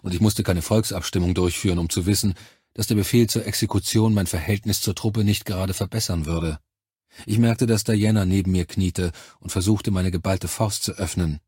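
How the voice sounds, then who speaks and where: A male audiobook narrator with a husky, fairly low voice, telling the story in the first person in a sober, measured way. The sound is dry and close to the mic, with no room around it. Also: steady tone, a little mellow, no echo.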